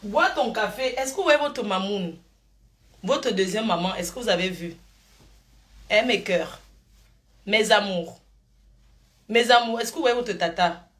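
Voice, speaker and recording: A woman's voice: mid-range voice, animated, a little slow, long pauses. A middle-aged woman and grandmother rambling on a live stream, showering her viewers with pet names and drifting between topics.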